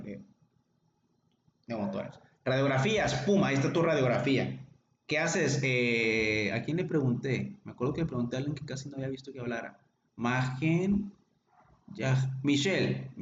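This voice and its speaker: In an informal online class, a man with a Mexican Spanish accent and a medium-pitched voice teaches medicine, joking, chatting, and calling students by name. The lo-fi room recording is echoey and dull, with a slight hiss or hum.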